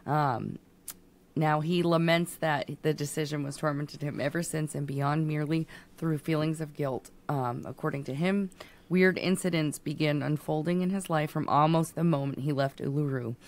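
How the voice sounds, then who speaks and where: A woman's voice: low voice, fairly even intonation, moderate pace. A woman co-hosting a casual podcast, reading a strange news story aloud with restarts and giggles. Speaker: podcast co-host.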